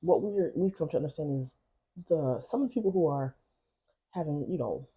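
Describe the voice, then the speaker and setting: A woman talks in a hushed, casual way, as if she doesn't want to wake the house. Her voice is very husky and dark. The recording is dull and lo-fi, made at home on podcast mics. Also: deep voice, expressive, normal speed. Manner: talking quietly late at night. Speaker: podcast co-host. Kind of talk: casual chat. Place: home, at night.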